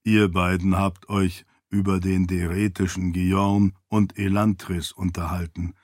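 A man reading an audiobook, voicing a loyal floating spirit servant who speaks in a measured, deferential way. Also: low voice, flat delivery, a little mellow, no echo, studio quality, voice pushed down. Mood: calm. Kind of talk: audiobook character voice.

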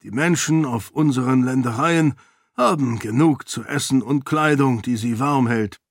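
A man's voice: medium pitch, normal speed, no echo, lightly acted. A man voicing a wry, teasing nobleman who cautions his peers. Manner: warning, dry teasing.

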